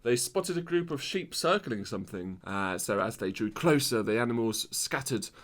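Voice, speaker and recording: A man's voice: mid-range voice, lively intonation, normal speed. A young British man co-hosting a casual podcast, easygoing and self-deprecating, reading out news stories. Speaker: podcast co-host.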